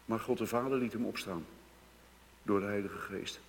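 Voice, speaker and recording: A man preaching a sermon, moving from hushed, slow passages to loud, emphatic outbursts. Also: on the low side, a little hiss or hum. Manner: dramatic swings between hushed and loud emphasis. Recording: long reverb of a church hall.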